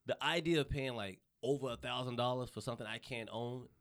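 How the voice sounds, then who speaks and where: A man from North Carolina with a Southern accent, telling profane, animated stories in a casual podcast chat. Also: medium pitch, a little fast.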